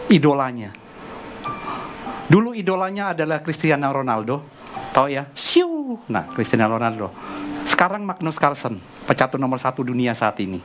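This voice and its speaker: A middle-aged male pastor preaching at a church service, telling a family story in a chatty, animated way. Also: mid-range voice, noisy background. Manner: chatty, animated anecdote telling with acted quotes. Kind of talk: sermon with personal storytelling. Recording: music playing underneath. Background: background music.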